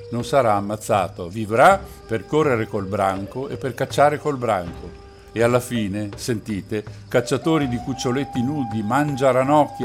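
A man voicing a fearless, devoted mother wolf who speaks loudly and forcefully, over faint music. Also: mid-range voice, close to an everyday voice.

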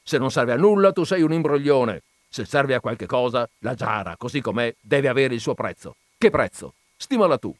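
An irascible old landowner bellows and protests in a high, strained voice, as a man reads him. The voice swings up and down with indignation. The sound is close and dry. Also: expressive, normal speed, few pauses, no echo, lightly acted. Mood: shouting angrily. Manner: loud, indignant, high-pitched outbursts. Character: irascible rich old male landowner, shouting.

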